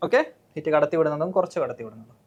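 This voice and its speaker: A woman's voice: low voice, expressive, very fast, darkish tone. Woman teacher, Malayali accent, coaching lesson, asks the class questions, says "okay" often. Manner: explains step by step with frequent "okay" and questions to students; mixes English terms into Malayalam.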